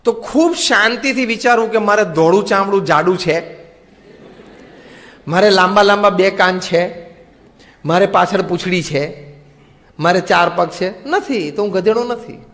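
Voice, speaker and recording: A high-pitched male monk delivers a sermon, telling stories with gentle humor and slowing down to stress short English phrases. His voice rings with a long hall reverb.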